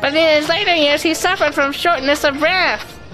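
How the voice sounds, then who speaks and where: A woman voicing a timid, excitable young male piglet in a children's audio drama, hesitant and stammering as if always ready with a nervous excuse. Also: sits high, moderate pace, faint music behind, poor audio. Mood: eager.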